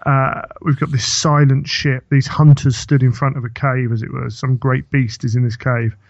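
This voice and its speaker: A man co-hosting a podcast, summarizing in relaxed chat with fillers. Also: medium pitch, moderate pace, creaky, no echo. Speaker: podcast co-host. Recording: dull lo-fi microphone.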